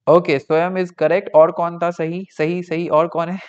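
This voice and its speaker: A young Indian man runs an online class, drifting between Hindi and English and checking in with his students. He speaks slowly, with a slightly raised pitch, and the audio is a little dull. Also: little pitch movement, clear, resonant tone. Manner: mixes Hindi and English, chatty, checks in with "right?". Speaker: online tutor.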